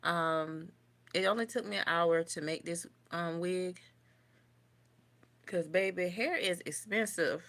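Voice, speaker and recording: A woman's voice: lowish voice, takes it slowly, long pauses, a bit bright. Chatty young woman livestreaming her makeup. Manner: chatty, reads and answers viewer comments. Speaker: beauty vlogger doing a livestream. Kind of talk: casual livestream chat while doing makeup. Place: home, indoors.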